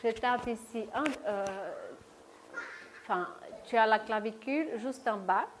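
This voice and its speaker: A woman's voice: fairly high pitch, a little slow, slight background noise. A woman leading a workshop talk, explaining a technique step by step and often checking with "d'accord?". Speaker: workshop speaker on stress. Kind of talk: live talk demonstrating tapping technique. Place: lecture room with audience.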